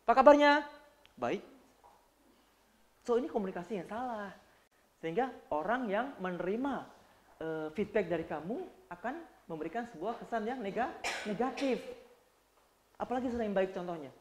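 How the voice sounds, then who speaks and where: A man teaching cabin-crew students in a lively, joking way, acting out examples of how to speak. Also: high voice, moderate pace. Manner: animated, joking, acts out examples. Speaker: flight attendant trainer. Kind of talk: training lecture to students.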